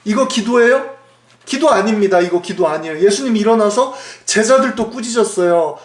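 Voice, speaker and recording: A male pastor preaching a lively Sunday school sermon, telling a Bible story and putting questions to his young listeners. His voice is fairly high and swings widely in pitch. The sound rings around a roomy space. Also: brisk.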